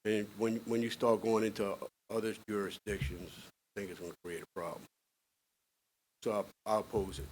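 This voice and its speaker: A man's voice: lowish voice, flat delivery, moderate pace, a little mellow, a little hiss or hum, low-quality recording. A man in his fifties, a firefighter, giving a blunt, plain-spoken objection during public comment, recorded from a podium mic like an official courtroom record. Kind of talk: public comment at a council meeting. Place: council chamber.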